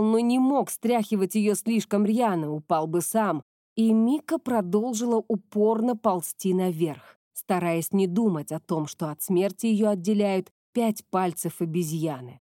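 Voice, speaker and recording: A woman narrating a fantasy novel as an audiobook in a steady storytelling manner. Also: mid-range voice, no room sound, clean studio sound.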